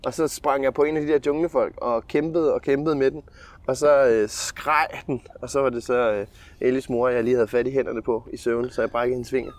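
A man's voice: medium pitch, fairly even intonation. A man in his thirties co-hosting a podcast, chatting casually and telling his stories with a dry, playful touch. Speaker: podcast co-host. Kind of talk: casual chat.

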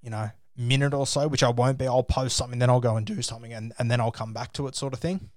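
Casual Australian bloke, matey mentor type, loose and sweary, recorded dry. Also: male voice, mid-range voice, fast, no room sound. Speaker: social media sports page creator giving advice. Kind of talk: casual phone chat.

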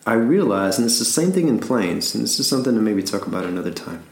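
A man's voice: lowish voice, sing-song, fast, gravelly, echoey room. A man from Alabama with a Southern accent, rambling through a casual story with frequent laughs and repeated words.

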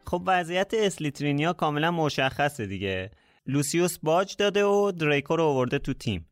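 A man's voice: on the high side, big pitch swings, faint music behind. A man, a podcast co-host, explaining a book's plot in a casual, matter-of-fact way. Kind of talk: casual chat about a book.

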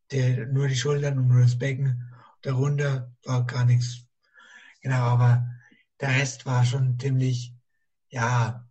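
A man guest in a casual interview, speaking with a rough, strained voice and a halting way of repeating himself. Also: medium pitch, darkish tone, dull audio.

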